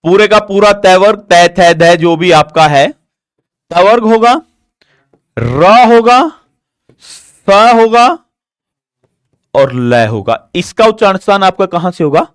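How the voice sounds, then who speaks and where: This smooth male voice, recorded in a clean studio with no echo, belongs to a teacher running a live online grammar class. He drills by asking questions he then answers, explaining each step slowly and deliberately in a lively pitch.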